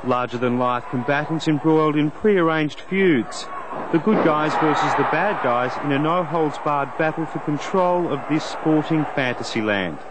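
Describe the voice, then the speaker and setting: A man's voice: fairly high pitch, normal speed, heavy background noise. An Australian man narrating a scripted TV news feature as its reporter, in a wry, tongue-in-cheek way.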